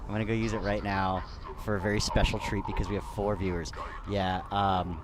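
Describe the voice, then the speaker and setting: A man's voice: deep voice, flat delivery, fairly quick, background noise. A man streaming a game live, chatting casually and rambling, with a slightly dry throat. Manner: chatty, rambling, many restarts.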